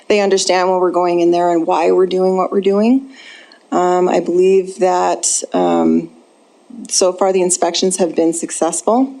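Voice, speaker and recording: A woman with a dark, mellow voice and some vocal fry gives a steady report to a city council. She talks plainly and fills pauses with ums. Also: lowish voice. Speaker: city code enforcement staff presenting to council.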